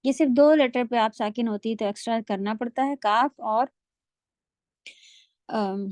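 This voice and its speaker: A woman teaching an online Quran recitation class, repeating sounds slowly for her students to copy and mixing in English words. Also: on the high side, dark tone, no room sound. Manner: mixes English words into speech. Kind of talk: online tajweed lesson.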